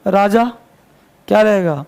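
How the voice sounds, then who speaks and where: North indian guy teaching english grammar, high gravelly voice, spells stuff out and quizzes the class. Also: fairly even intonation, measured pace, a little mellow. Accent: Hindi-speaking North Indian. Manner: questions students and answers himself, spells words letter by letter. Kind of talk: classroom grammar lesson in Hindi.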